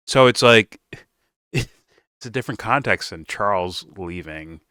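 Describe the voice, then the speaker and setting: A man with a low voice but a bright, forceful edge reacts on a casual show. He swears freely and stumbles into restarts as he thinks aloud. The mic is close and dry. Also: lively intonation, unhurried, no echo. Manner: loose, profane, stammering restarts with laughs.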